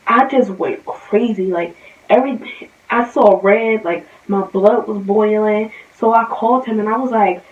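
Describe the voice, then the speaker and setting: A young woman from New Jersey telling a storytime vlog, heated and rambling, often repeating herself. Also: medium pitch. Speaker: vlogger. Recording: roomy, distant, dull sound.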